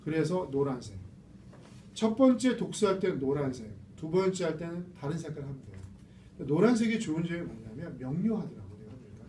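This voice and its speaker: Male reading instructor, high lively voice, mellow tone, casual lecture in a roomy room caught from a distance. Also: a little fast. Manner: chatty, asks the class rhetorical questions. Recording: roomy, distant mic with faint noise.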